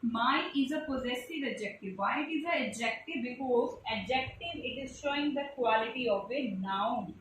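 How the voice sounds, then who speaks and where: Speaking at a normal speed with few pauses, a woman teacher with an Indian English accent explains grammar step by step to her pupils, spelling out letters. Her voice sits high and fairly bright. Slight background noise is audible, and the echoey room is recorded from a distance.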